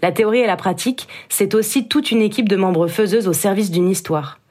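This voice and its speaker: A woman calmly reading the credits of a podcast. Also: mid-range voice, a little fast. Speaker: podcast announcer. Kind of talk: scripted credits narration.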